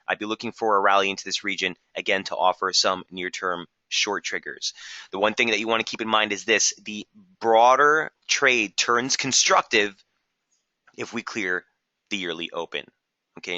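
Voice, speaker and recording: Hoarse man with a bright, forceful voice. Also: fairly low pitch, dry recording, lo-fi sound. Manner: brisk, technical, addresses viewers as guys. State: losing his voice, clearing his throat. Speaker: market strategist hosting a webinar. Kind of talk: live trading webinar walkthrough.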